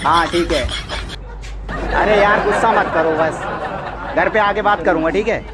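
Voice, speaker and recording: A young man loudly faking a phone call as a prank on a metro train, cooing and coaxing the person on the line. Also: sits high, a little slow. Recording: busy crowd and loud noise behind.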